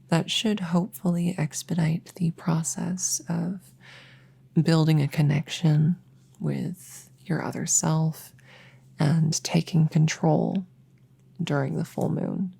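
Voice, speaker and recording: In a soft ASMR roleplay, a woman plays a reassuring witch veterinarian, chatting gently with a nervous patient. Her low, mellow voice has a husky edge, and her soothing bedside manner is slightly hesitant and heavily acted.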